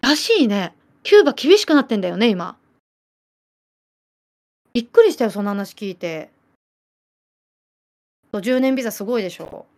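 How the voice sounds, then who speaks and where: A woman's voice: mid-range voice, moderate pace, long pauses. A woman in her late thirties from Japan, with a Nagasaki island accent, chatting casually on a livestream, reading viewer comments and telling stories with giggles. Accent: Nagasaki island dialect. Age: late 30s. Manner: chatty, giggly, animated storytelling. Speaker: livestream host.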